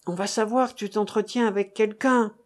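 A woman voicing a hunted, beaten-down man who pleads in hushed, plaintive tones. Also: high-pitched, steady tone, normal speed, close to an everyday voice.

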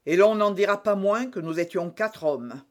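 A man voicing a seasoned, noble musketeer in an audiobook, speaking in a grave, measured way. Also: high-pitched, lightly acted.

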